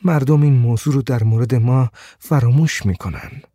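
A man voicing a gentle, shy blind woman who speaks softly and hesitantly, stammering at times. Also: medium pitch, no echo, clean studio sound, natural voice. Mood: wistful. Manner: soft, hesitant, stammers when upset.

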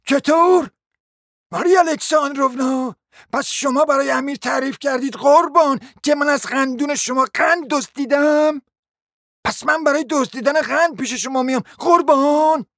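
A reader voicing a quarrelsome provincial lady who shrieks high, shrill accusations, in a dry close recording. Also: a bit bright, no room sound. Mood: indignant.

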